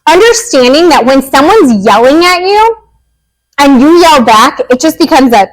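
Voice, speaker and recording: A woman's voice: high-pitched, big pitch swings, moderate pace, poor audio. A woman behavior analyst giving a casual, joking, direct talk on parenting.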